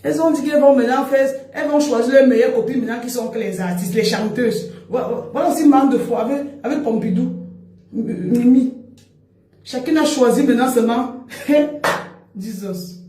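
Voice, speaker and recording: High-voiced Cameroonian woman gossiping live. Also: a little fast, distant mic. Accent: Cameroonian French. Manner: animated, teasing, repeats phrases, laughs often. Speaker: comedian doing a gossip live stream. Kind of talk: casual gossip commentary. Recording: roomy sound, voice away from the mic.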